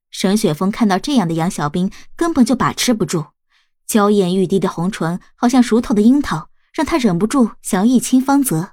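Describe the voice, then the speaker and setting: A woman reads a storybook aloud, her voice steady and calm at a middle pitch. She keeps an even, unhurried narrating tone throughout. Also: dry recording, clean studio sound. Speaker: audiobook narrator.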